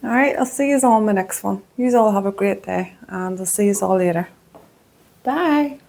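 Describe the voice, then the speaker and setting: A woman with a soft, mellow Northern Irish voice chats away in her home kitchen. She is homely and easygoing, talking viewers through her baking while she tastes it. The feel is a relaxed cooking vlog. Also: medium pitch, moderate pace, vocal fry. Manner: chatty and homely, talks while tasting. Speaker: cooking channel host.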